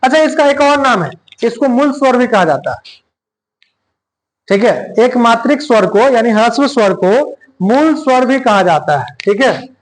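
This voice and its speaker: A male teacher giving a grammar lesson, dictating slowly and repeating phrases word by word. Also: extremely high pitch, slight background noise.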